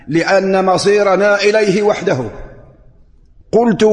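A man preaching a sermon, reading a prepared text and then explaining it in colloquial dialect. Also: a little high. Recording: long hall reverb.

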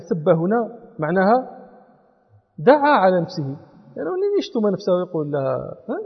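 In a reverberant hall, a man with a high, husky voice lectures on religious law and grammar, working through each step and quizzing his students. The recording is lo-fi.

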